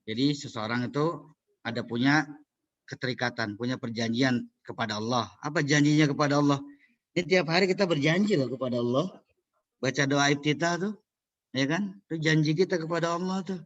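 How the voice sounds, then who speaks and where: A man giving a university lecture, explaining slowly in a chatty way and chanting recited lines. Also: a little high, lo-fi sound.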